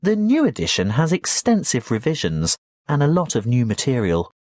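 A man playing a helpful university tutor in a scripted educational dialogue, advising clearly and instructively. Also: mid-range voice, wildly swooping pitch, moderate pace, darkish tone, no room sound, studio quality. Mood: helpful, advisory.

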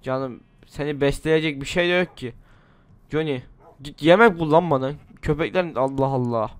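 A man's voice: fairly high pitch, moderate pace, smooth. A man, a gaming channel host, chatting casually and rambling to himself as he plays a survival game, a little under the weather. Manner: chatty, rambling, talks to himself while playing. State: slightly ill. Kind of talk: casual gameplay commentary.

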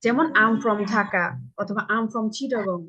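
A woman's voice: a little high, a little slow, a bit bright, highs cut off. A woman with a Bangladeshi accent teaching English to children in an online live class over a video call, patiently repeating model phrases and checking that everyone understands.

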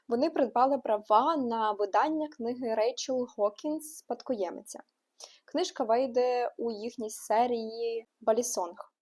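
A young woman hosting a book news vlog, running through new releases with quick asides and frank opinions. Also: fairly high pitch, a little mellow. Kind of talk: casual book news roundup.

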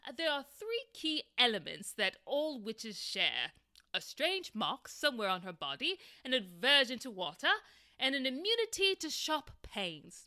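Haughty detective, bright tone, lively pitch, smug and giggly, comedy audio drama. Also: female voice, unhurried, no echo, heavily acted. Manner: arrogant, dry, giggly, prim. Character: haughty eccentric detective Holmes, bored and brilliant.

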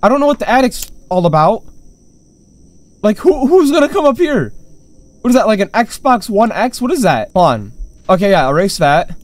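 A man's voice: high voice, sing-song, normal speed, no echo. A man hosting a horror game let's play, confused and jumpy, talking to himself as he plays. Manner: jumpy, confused, talks to himself while playing. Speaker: gaming channel host.

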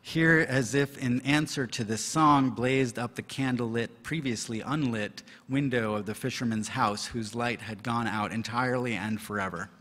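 A man, a literary translator, reading translated prose aloud at an awards reception in a deliberate, measured way, with hesitant asides full of ums and uhs. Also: medium pitch, a bit bright. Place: reception hall. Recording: long reverb of a reception hall.

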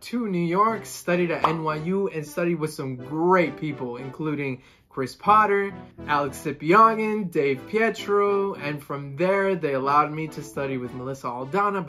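This young man's voice is a little high with a sharp tone. Born in Colombia and in his twenties, he's a saxophonist vlogger sitting before the camera in a room at home, talking casually and gesturing with both hands.

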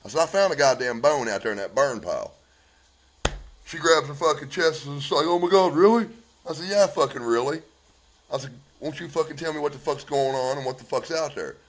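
A man's voice: medium pitch, a little fast, fairly bright tone. A man telling a raw, heavily profane story into his phone on a live video, acting out both sides of old arguments. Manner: swears constantly, acts out both sides of past conversations. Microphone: phone held at arm's length.

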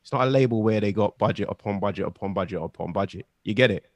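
A man's voice: lowish voice, fast, no echo. A young man co-hosting a podcast, talking earnestly and pressing his points with slangy asides. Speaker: podcast co-host. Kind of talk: casual chat.

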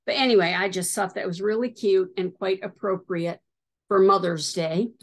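A woman's voice: medium pitch, steady tone, moderate pace. A middle-aged woman hosting a needlework video, showing items in a casual, hesitant way with many fillers. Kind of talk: casual show-and-tell.

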